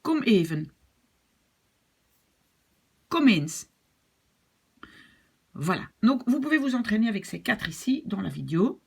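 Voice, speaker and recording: A woman's voice: mid-range voice, creaky, darkish tone, slightly rough. A woman with a Belgian French accent, a language teacher who explains step by step and demonstrates sample phrases. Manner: explains slowly with spoken demonstrations in another language. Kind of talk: video language lesson.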